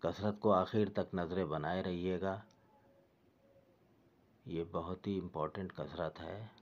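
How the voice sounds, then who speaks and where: A man calmly explaining knee exercises step by step, as a fitness instructor. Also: low-pitched, takes it slowly, highs cut off, slight background noise. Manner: patient, repetitive step-by-step guidance.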